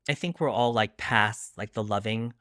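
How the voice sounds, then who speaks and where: A man in his late forties, a debut novelist, answers interview questions conversationally, reflective and a little self-deprecating. His voice is fairly low and sharp in tone at a moderate pace, captured in studio quality with no echo.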